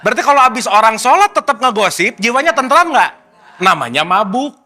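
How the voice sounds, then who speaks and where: A man's voice: very high-pitched, big pitch swings, a little fast, pushed and bright. A man leading a casual religious study talk, playful and teasing, slipping in English words. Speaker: spiritual teacher.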